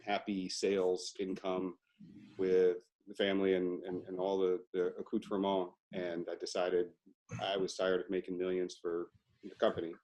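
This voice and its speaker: Deep-voiced man telling his business story. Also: monotone, normal speed, darkish tone. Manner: emphatic, stresses key words with sudden pitch jumps. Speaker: guest, company founder. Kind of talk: interview storytelling.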